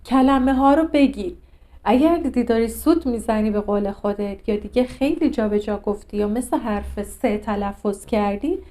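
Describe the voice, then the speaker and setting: A woman's voice: medium pitch, dark tone. A woman speech coach giving a pronunciation lesson and demonstrating sounds as she talks the viewer through them.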